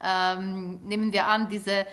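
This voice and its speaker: The linguist guest, a middle-aged woman who natively speaks Ukrainian, gives measured, explanatory interview answers with lots of fillers. Her mid-range voice is a bit bright, though her delivery stays flat.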